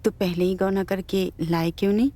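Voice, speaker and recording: An actress playing a shy young village bride who speaks softly and bashfully. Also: female voice, medium pitch, fairly even intonation, moderate pace, faint music behind, natural voice. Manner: soft, bashful, giggling. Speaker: new bride.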